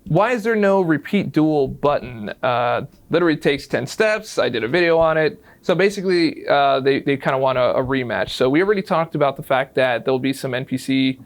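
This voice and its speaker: A man's voice: medium pitch, expressive, fairly quick, hardly any pauses. A man hosting a casual interview, reading out viewer questions with plenty of fillers. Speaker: interviewer, community content host.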